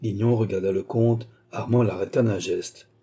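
A man reading a classic novel aloud as audiobook narrator, steady and measured. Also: fairly low pitch, a little hiss or hum.

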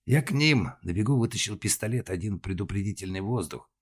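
A man voicing a shaken young police officer in an audiobook, rambling in rough colloquial speech. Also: lowish voice, animated, a little fast. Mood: rattled. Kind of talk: audiobook character voice.

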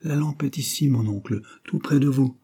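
A man voicing a gentle grown niece who reassures her dying uncle, in an audiobook reading. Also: mid-range voice, moderate pace, breathy edge, pitched above the performer's own voice.

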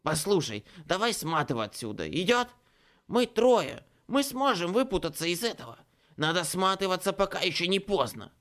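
A man's voice: high-pitched, very animated, normal speed, a bit bright, pitched above the performer's own voice. A man voicing a bearded, cowardly male changeling who pleads frantically in an audiobook. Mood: desperate. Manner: pleading, frantic, near sobbing. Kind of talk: audiobook character voice.

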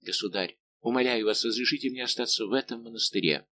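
A man voicing a fragile, heartbroken young woman who pleads softly, in an audiobook. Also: mid-range voice, fast talker. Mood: pleading.

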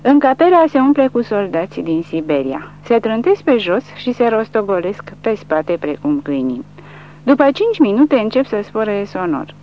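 A woman's voice: medium pitch, very animated. A woman narrating a war novel as an audiobook, reading with dramatic emphasis. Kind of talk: scripted narration. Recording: dull lo-fi recording with faint hum.

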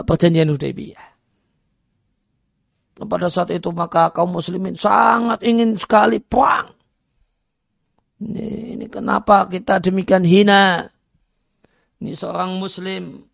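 A man's voice: high-pitched, creaky, no room sound. A man giving a religious study lecture, reading Arabic lines and explaining them, with frequent hesitation fillers. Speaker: Islamic religious teacher. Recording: dry, dull lo-fi recording.

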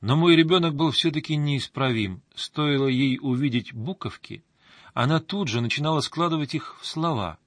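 A man narrating a first-person story in an audiobook, in a steady storytelling manner. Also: a little high, moderate pace, no echo.

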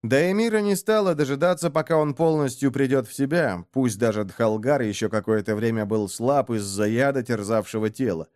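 A man reading an audiobook in a steady, even storytelling manner. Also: medium pitch, moderate pace, hardly any pauses, no room sound, clean studio sound. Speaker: audiobook narrator. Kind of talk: scripted narration.

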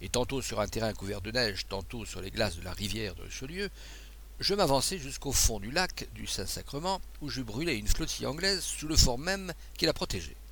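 A man doing a brisk, self-assured naval officer. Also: mid-range voice, lively intonation, vocal fry, a bit bright, slight background noise. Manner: confident, brisk, teasing.

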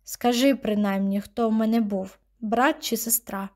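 A woman reading an audiobook, voicing a quick-tempered teenage girl who pleads and then turns sharp and demanding. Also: fairly high pitch, fairly even intonation, lightly acted. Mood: shaken.

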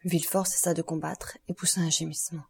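A woman reading an audiobook of a classic novel in a calm, measured way. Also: low-pitched, gravelly, breathy edge. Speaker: audiobook reader. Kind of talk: scripted narration of a classic novel.

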